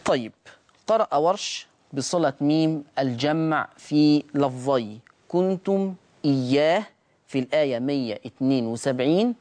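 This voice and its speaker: A man's voice: a little high, a little mellow. Egyptian male recitation teacher, recorded lesson, voices the class's questions and drags words out to demonstrate them. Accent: Egyptian Arabic. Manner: asks students' questions himself, then answers them; stretches out words slowly to show how they are said. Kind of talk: recorded tajweed lesson with on-screen slides.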